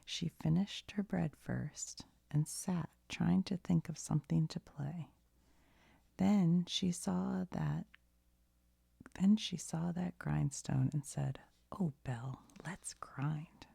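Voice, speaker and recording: Slowly and softly, a woman reads a bedtime story in ASMR fashion, using a deep, breathy, hushed half-whisper and a gentle storybook manner. The studio-quality recording has no room sound.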